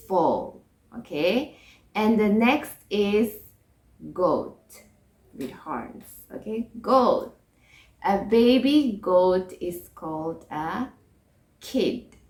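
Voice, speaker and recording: Woman teacher, kids' English lesson. Slow, patient, repeats words, keeps asking "okay?". Echoey room. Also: medium pitch.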